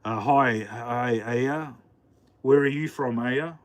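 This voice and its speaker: Slow and mid-range in voice, an Australian man hosts a casual cooking livestream from his home kitchen. He chats to viewers in a rambling way, with frequent fillers and restarts.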